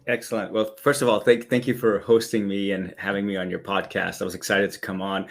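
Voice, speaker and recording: Low-voiced danish-born guy in his 40s, eager storyteller guesting on a podcast. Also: little pitch movement, brisk, vocal fry, a little hiss or hum. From Denmark. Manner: enthusiastic storytelling. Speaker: interview guest, business executive. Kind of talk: conversational interview answers.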